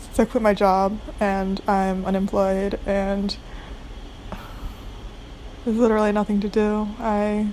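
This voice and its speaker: A young woman talks slowly in a casual vlog style, at a medium pitch. She wanders from thought to thought, hesitating often and padding her sentences with filler words. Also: level tone, darkish tone, slight background noise, low-quality recording. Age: young adult. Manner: hesitant, meandering, filler-heavy with frequent "like". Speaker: amateur video blogger. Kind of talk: casual rambling monologue to camera.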